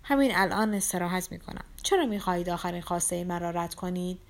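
A frail young man in a storybook reading, speaking low and hushed in a rough, near-whisper, as a woman reader plays him. He talks slowly and wearily. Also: lightly acted. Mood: pleading. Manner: quiet and slow. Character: gravely ill young man, weak, hoarse and ironic. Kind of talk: audiobook character reading.

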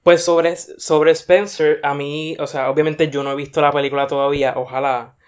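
A man, chatting about film as a podcast co-host in a measured, thoughtful way. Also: on the high side, little pitch movement, clean tone. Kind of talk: casual film discussion.

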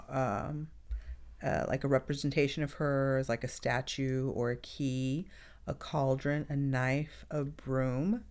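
A woman co-hosting a casual podcast, going through notes in a steady, list-like way and chiming in with short agreements. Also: very deep voice. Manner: steady, list-like delivery with brief agreeing interjections. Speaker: podcast co-host. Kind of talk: casual chat, reading notes.

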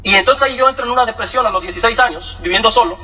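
A man with a very high, bright voice tells his life story at a fast clip. He is animated, slips into other people's voices and laughs a lot. The mic sits some way off, so he sounds a little distant. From Michoacán, Mexico. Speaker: testimony speaker. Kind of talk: personal testimonial storytelling.

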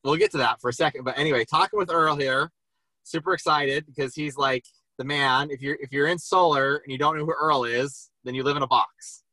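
Bright-voiced host rambling with "like". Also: male voice, on the high side, steady tone, fairly quick, no room sound, rough recording. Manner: rambling, filler-heavy questions with lots of "like". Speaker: interview host. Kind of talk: casual interview.

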